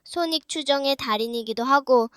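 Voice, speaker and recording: A woman with a high, very smooth voice, recorded close and dry. She narrates like a casual video host reading a script. Her speech is cutesy and cat-like, with little "nya" endings on her sentences. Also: moderate pace, fairly bright tone, no room sound.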